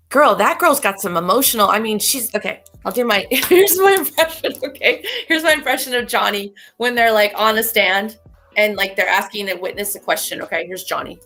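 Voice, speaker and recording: A woman's voice: medium pitch, bright, forceful tone. A woman hosting a casual livestream as a spiritual reader, chatty and rambling, laughing often.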